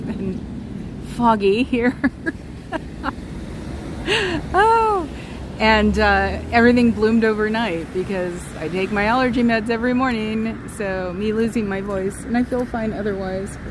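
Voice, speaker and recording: Speaking at normal speed in a mid-range voice, a livestreamer chats her way along a San Francisco street, drifting between topics and shouting to passers-by. She's losing her voice, and the outdoor recording picks up traffic noise.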